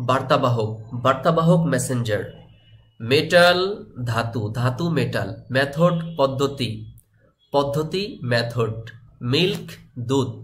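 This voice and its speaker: Man drilling vocabulary words in a steady voice. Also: mid-range voice. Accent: Bangladeshi Bengali. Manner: repeats each word both ways in drill fashion; addresses viewers directly and casually. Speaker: English teacher. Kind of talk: vocabulary lesson.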